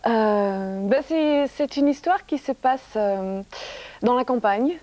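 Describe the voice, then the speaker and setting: Soft-spoken woman telling a children's story. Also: fairly high pitch, expressive, takes it slowly, no room sound. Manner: soft-spoken, dropping to a whisper at times. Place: TV studio.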